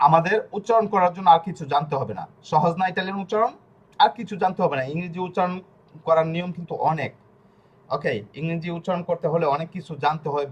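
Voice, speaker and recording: A man with a Bangladeshi Bengali accent, teaching an online language class and spelling out sounds patiently. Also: on the high side.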